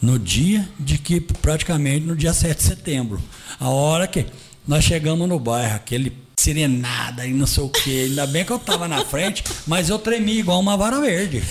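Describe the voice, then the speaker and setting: A middle-aged man, a guest who plays Santa Claus for charity, telling a story in an animated, emphatic way in a casual interview. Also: a little high, normal speed, a little hiss or hum.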